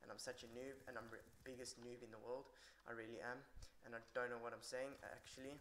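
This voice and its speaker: A man's voice: medium pitch, flat delivery, fast talker, fairly bright tone, a little hiss or hum. A tired man giving rambling, irritable live commentary on his own match and swearing a lot. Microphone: poor computer mic.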